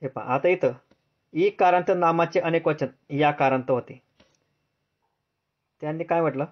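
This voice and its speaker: A man with a Marathi accent teaching a grammar lesson, drilling students with repeated questions and answering them himself in a lower, softer voice. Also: normal speed. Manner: answers drop low and soft. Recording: dull lo-fi sound.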